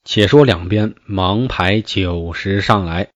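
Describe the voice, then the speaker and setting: A man reading a classical novel aloud and explaining it in colloquial speech, with lively, folksy asides. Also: deep voice, slow, dry recording. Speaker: storyteller. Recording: dull, dry lo-fi recording.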